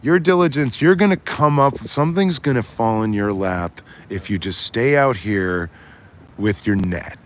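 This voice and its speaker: A man chatting casually outdoors on a city street at dusk, talking in animated, rambling bursts full of restarts. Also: lowish voice, a little slow. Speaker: livestreamer. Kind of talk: casual chat. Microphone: phone camera.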